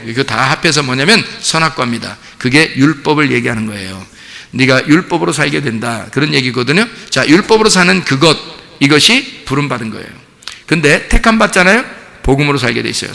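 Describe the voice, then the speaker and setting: Gravelly Korean pastor preaching in a reverberant hall. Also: male voice, mid-range voice. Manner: animated preaching, acting out a parent and child with laughs. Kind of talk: sermon. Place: church sanctuary. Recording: long reverb of a church hall.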